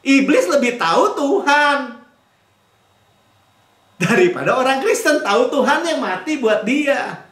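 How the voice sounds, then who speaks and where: Animated pastor with a lively, high voice. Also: male voice, a little slow, long pauses, echoey room. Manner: animated, shifts between loud mocking impressions and quiet asides. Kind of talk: sermon. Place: church.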